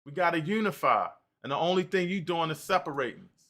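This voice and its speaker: Bright-voiced male livestream host. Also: fairly high pitch, fast talker. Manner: animated, reads out and answers chat comments. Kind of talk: livestream talk reading chat comments.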